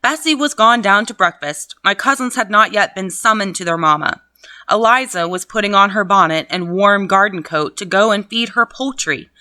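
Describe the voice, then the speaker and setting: A woman hosts a casual reading of a classic novel at home, stopping for laughing, sweary, chatty asides. Her medium-pitched voice sounds pushed and bright, with no echo.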